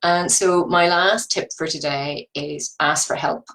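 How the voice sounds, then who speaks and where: Casting: woman, Northern Irish, deep voice, little melodic swing, earnest business coach talking informally and encouragingly. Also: steady tone, measured pace, a bit bright, poor audio. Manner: rambling, earnest, encouraging, with repetition for emphasis. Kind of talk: informal advice monologue to online viewers.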